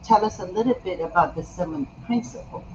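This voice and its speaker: A man's voice: high voice, fairly quick. A man from Ethiopia hosting an interview, speaking earnestly and often affirming his guest. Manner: earnest, frequent affirming "yeah". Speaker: host. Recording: muffled recording with faint background hum.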